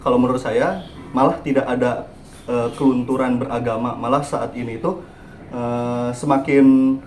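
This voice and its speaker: A man in his twenties, an entrepreneur being interviewed, answers hesitantly in a mid-range, steady, slightly mellow voice at normal speed, using many "eh" fillers and "gitu." His replies are casual and spoken, recorded with roomy echo and slight background noise.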